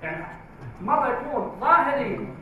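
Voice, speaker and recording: A man teaching a tajweed class in a classroom, slow and drawn-out, repeating key words for the class. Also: extremely high pitch, animated, pushed and bright, slight background noise. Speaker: Quran recitation teacher. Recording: very echoey, distant, tinny phone-like sound.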